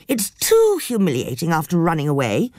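A dramatic, gossipy woman who feels sorry for herself, her voice climbing high and dropping low in wide, showy swings, as a woman narrator puts her on. The recording is close and dry. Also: wildly swooping pitch, moderate pace, darkish tone, no room sound. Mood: rueful gossip. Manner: gossipy, self-pitying, theatrical. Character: flamboyant, rueful woman fleeing her own house. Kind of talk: audiobook character voice.

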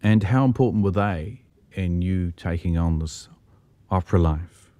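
Kiwi radio host guy, lowish mellow voice, short direct questions. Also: measured pace, dry recording. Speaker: radio interviewer. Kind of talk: radio interview.

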